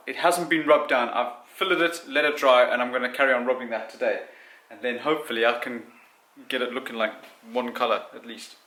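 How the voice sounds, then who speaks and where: Working on his car in his home garage, a mid-range, sharp-toned man makes casual, self-deprecating conversation. He is a car vlogger who was born in South Africa and grew up in Zimbabwe.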